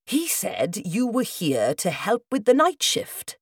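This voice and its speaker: A woman's voice: medium pitch, wildly swooping pitch, slow, breathy edge, dry recording, studio quality, voice pushed up, full character voice. A woman voicing a fresh-faced young male constable with a broad Welsh accent, easygoing and cheeky.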